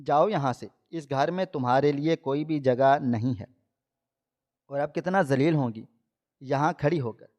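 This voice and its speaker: A man's voice: on the high side, natural voice. A man voicing an aggressive brother who threatens his sister, read in his own plain voice. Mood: hostile. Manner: shouting, threatening. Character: hostile young brother, aggressive. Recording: dull lo-fi audio.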